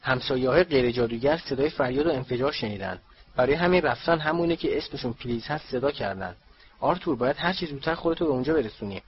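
A brisk middle-aged wizard official who talks fast and eagerly, as a male reader voices him. His tone sits a little above the reader's own, and the recording is dull with a faint hiss. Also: mid-range voice, lively intonation, lightly acted. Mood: hurried. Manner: hurried and talkative.

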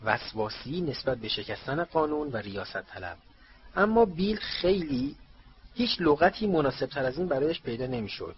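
A man narrating a novel as an audiobook, in measured storytelling that voices each character. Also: mid-range voice, sing-song. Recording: slightly dull recording, faint hiss.

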